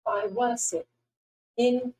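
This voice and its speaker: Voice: fairly even intonation, slow pace. Voice run through a voice changer. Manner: short random phrases, pitch jumping around between lines. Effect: voice changer software altering the voice.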